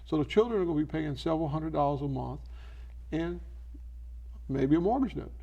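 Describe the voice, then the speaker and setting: An elder law expert gives advice in an infomercial interview, speaking fairly quickly in a fairly high, animated, creaky voice with a dark tone. He explains didactically by asking questions and answering them himself, and the audio sounds dull.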